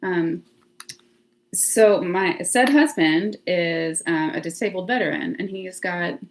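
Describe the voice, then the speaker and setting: A woman's voice: lowish voice, takes it slowly. Woman, thirties, casual livestream chat, self-deprecating, phone mic, home kitchen, faint hiss. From United States. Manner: chatty, self-deprecating, breaks into soft whispers for mic tests. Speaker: vlogger livestreaming. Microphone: phone with clip-on mic.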